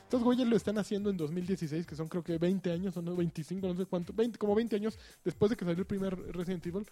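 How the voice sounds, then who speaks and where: A man's voice: high voice, fast talker, mellow, soft background music. A Mexican man talking casually and colloquially as co-host of a gaming podcast. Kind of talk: casual video game chat.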